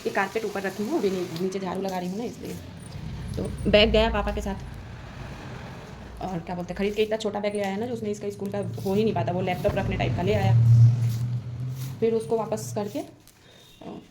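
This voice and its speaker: A young woman talking through her household chores in a casual daily vlog, rambling, speaking softly and holding the phone herself. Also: mid-range voice, fairly even intonation, brisk, pauses often, distant mic. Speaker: vlogger. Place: home kitchen. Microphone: handheld phone. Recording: echoey room with household noise.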